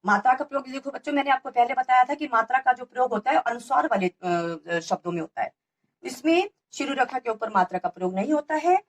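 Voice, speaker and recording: A woman's voice: high-pitched, lively intonation, fast. A woman teaching a grammar lesson to children, patiently spelling out letters one by one.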